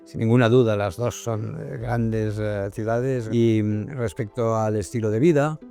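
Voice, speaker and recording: A man's voice: on the low side, fairly even intonation, unhurried, creaky, dark tone, faint music behind. A man speaking as a private bank executive in a corporate interview, thoughtful and hesitant with many fillers.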